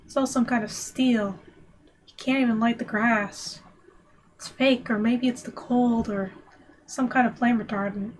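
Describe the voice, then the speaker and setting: A woman reading out the lines of a gruff man sitting on train tracks in a text game, in her own voice. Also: on the high side, fairly even intonation, measured pace, a little hiss or hum, close to an everyday voice. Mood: warning.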